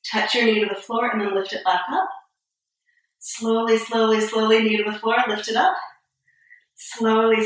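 A woman in her thirties guides a yoga class with steady, step-by-step cues, slightly winded between poses. Her voice is bright and clear, but it sits far from the microphone in a very reverberant room. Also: on the high side. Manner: calm step-by-step cueing, a little breathless and joking. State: a bit out of breath. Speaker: yoga instructor. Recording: very echoey room, voice far from mic.

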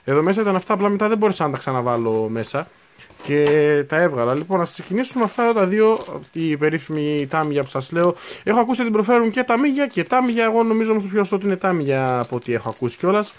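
A man's voice: high-pitched, expressive. A man in his twenties chatting casually as he unboxes new hobby supplies, thinking aloud and correcting himself as he goes. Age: 20s. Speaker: unboxing video host.

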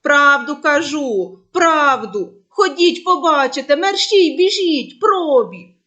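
A woman voicing a mischievous young shepherd boy in a storybook tale, shouting for help and laughing at others. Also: high-pitched, wildly swooping pitch, measured pace, dull audio, exaggerated voice. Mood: panicked. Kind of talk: storybook voice acting.

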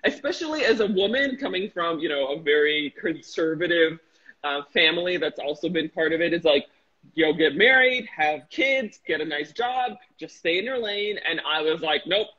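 Speaking from a small glass-walled room via her laptop webcam, this marketing entrepreneur chats animatedly as an interview guest, with lots of fillers and false starts. She is in her thirties, a native Russian speaker born in the former Soviet Union who grew up in Chicago. Her voice is fairly low, expressive, bright and slightly rough at a moderate pace, and the recording is muffled.

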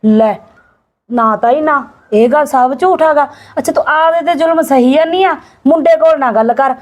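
A woman's voice: sits high, normal speed, natural voice. A woman acting as an outspoken young village woman in a homemade family drama, talking in a blunt, scolding and insistent way.

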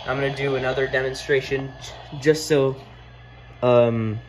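Working at a wooden desk indoors, a man gives an informal demonstration and thinks aloud along the way, filmed on a handheld phone. He speaks a little slowly in a steady, mid-range voice, and the recording is rough.

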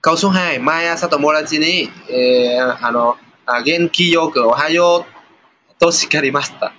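A man teaching a casual lesson over test questions, chatty, pausing with filler sounds and reading example sentences aloud slowly. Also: a little high, steady tone, pushed and bright, a little hiss or hum. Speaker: Japanese teacher.

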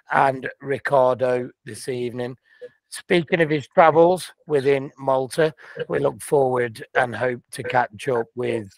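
A man's voice: medium pitch, vocal fry, no room sound. Punchy man hosting a video call. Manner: animated, punchy phrases. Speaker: host. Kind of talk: casual online chat.

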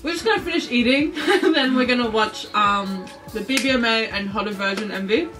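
A young woman hosting a casual group reaction chat, excitable and laughing as she leads her friends. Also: a little high, brisk. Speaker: channel host. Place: indoors with friends. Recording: distant mic with background music.

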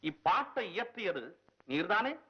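A man's voice: high-pitched, sing-song, unhurried, husky, full character voice. An actor playing a proud male court poet in a 1960s film, speaking formally and scolding. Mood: stern. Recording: dull old film soundtrack.

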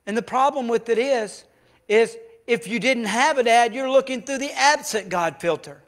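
Man, pastor, sermon, high voice, loud then hushed storytelling. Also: normal speed. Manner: storytelling, swings between loud preaching and hushed confession. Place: church.

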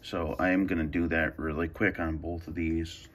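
A man speaks at normal speed in a low, level, slightly bright voice while showing how a radio scanner works. Recorded in a carpeted room at home, his tutorial is casual and unscripted, marked by hesitation and thinking aloud as he presses buttons.

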